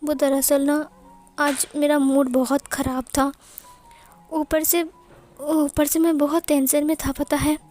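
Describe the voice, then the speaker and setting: A possessive young man who begs and stammers, as a woman narrator puts him on. The voice is high and bright for a man, with soft music behind it. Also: flat delivery, slow, pauses often. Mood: pleading. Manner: pleading, stammering. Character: possessive young man, pleading then scheming.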